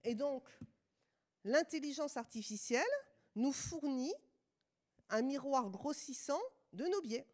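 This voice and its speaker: A woman's voice: high-pitched, animated, slow pace, pauses often, darkish tone. A middle-aged woman from France with a French accent, giving a conference lecture with ironic asides.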